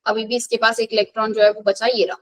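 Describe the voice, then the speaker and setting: High-voiced woman teaching chemistry. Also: flat delivery, rough recording. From India. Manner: brisk, questioning students, counting aloud. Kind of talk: live classroom revision lesson.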